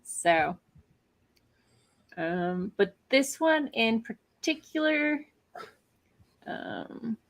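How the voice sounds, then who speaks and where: A woman's voice: on the high side, big pitch swings, drawn-out words, pauses often. A middle-aged woman hosting a casual livestream, chatting and cheering on viewers' comments. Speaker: livestream host. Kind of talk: casual chat.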